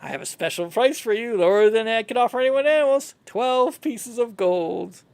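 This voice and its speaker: A man voicing a pompous painter grandly pitching his own art in a video game read-along. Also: expressive, normal speed, creaky, smooth, no echo, full character voice. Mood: haughty. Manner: grand, salesman-like. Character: pompous self-promoting painter selling his abstract art.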